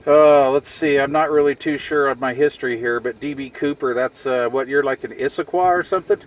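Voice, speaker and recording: Brisk and mid-range in pitch, a middle-aged man gives a casual, improvised outdoor vlog and radio chat as a hobbyist. He's easygoing, folksy, and slangy, standing by his vehicle on a hillside road while wind and vehicle sounds carry on around him.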